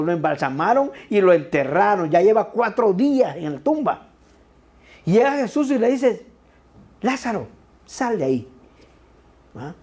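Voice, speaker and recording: A pastor with a mellow, darker tone preaches at a middle pitch. The delivery is chatty rather than formal, full of tag questions. Key words get repeated to drive a point home. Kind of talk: sermon.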